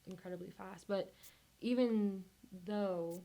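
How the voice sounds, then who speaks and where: A young woman hosts a casual student podcast. She talks in a chatty, animated way, laughing often and jumping between thoughts. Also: mid-range voice, slow, creaky, rough recording. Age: young adult. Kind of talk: casual chat.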